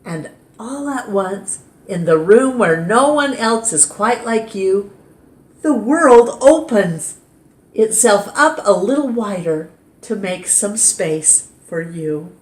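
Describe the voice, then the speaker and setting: A woman reads a children's picture book aloud at an unhurried, deliberate pace, her voice at a middle pitch. Her delivery is gentle and expressive. The recording carries a noticeable room echo. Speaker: storytime reader. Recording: roomy echo.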